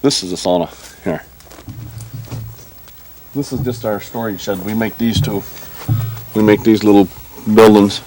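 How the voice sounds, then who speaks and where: A man's voice: on the low side, fairly even intonation, unhurried, pauses often, background noise. A man with a Yooper accent from Michigan's Upper Peninsula, chatting casually in a folksy way as he shows someone around a camp. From Midland, Michigan. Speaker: deer camp member being interviewed.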